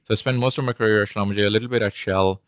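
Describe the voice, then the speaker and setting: Male startup founder as interview guest, Indian accent, low pitch, little melodic movement, informal explanatory delivery. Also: steady tone, rapid-fire, fairly bright tone, dry recording, studio quality.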